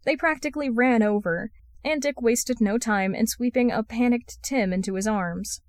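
A woman reading a fan fiction story aloud as a podfic, in an even storytelling read. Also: on the high side, moderate pace, no echo. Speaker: podfic reader.

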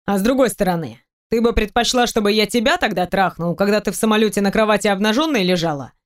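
A self-assured, pushy man voiced by a woman speaks in a hushed, velvety, coaxing tone. It is the steady mid-range of an audiobook reading, lowered to play the man. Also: quick pace, lightly acted. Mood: exasperated. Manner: low, velvety, coaxing delivery. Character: teasing, seductive grown man, confident and pushy.

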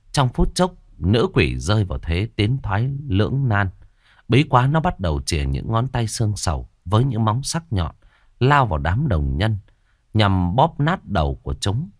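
A man's voice: low-pitched, no echo, clean studio sound. A man narrating a ghost story in a dramatic, suspenseful way.

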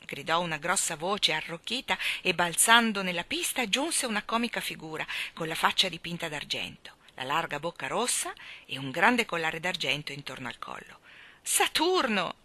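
A woman narrating a children's story aloud with a bright, crisp tone and a very lively, rising and falling delivery. She sits slightly low for a woman. The recording is close and dry. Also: normal speed, dry recording. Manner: expressive, shifting between voices. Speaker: audiobook reader. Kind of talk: storybook reading.

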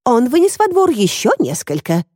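A woman's voice: on the high side, wildly swooping pitch, moderate pace, mellow, no room sound, studio quality, voice pushed up. A woman reading as an outspoken eager friend.

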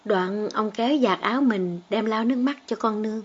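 A woman narrating a storybook in a steady, measured way. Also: medium pitch, husky. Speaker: audiobook reader. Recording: dull lo-fi audio with faint background music.

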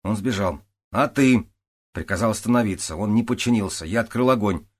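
A stubborn young police lieutenant, played by a male narrator snaps back short, defensive answers in an audiobook. The voice underneath stays low and husky. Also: brisk, lightly acted. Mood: terse. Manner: terse, defensive. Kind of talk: audiobook character voice.

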